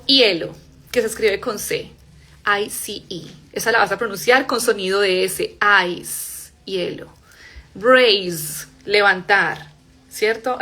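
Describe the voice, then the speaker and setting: A young Spanish-speaking woman teaching a live English pronunciation class, explaining in Spanish and modeling English words slowly and softly. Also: mid-range voice.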